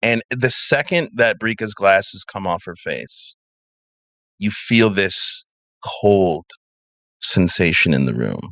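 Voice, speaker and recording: Bright-voiced man as game master. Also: low-pitched, expressive, slow, no room sound, studio quality. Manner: vivid, dramatic, swears freely. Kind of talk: narrating a tabletop game.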